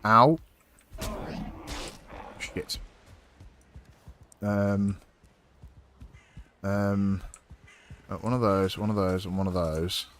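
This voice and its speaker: A man's voice: on the low side, steady tone, extremely slow, long pauses, a bit bright. A man streaming a game, chatting casually in a rambling way, swearing often and filling gaps with ums and likes. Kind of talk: casual chat while playing a game.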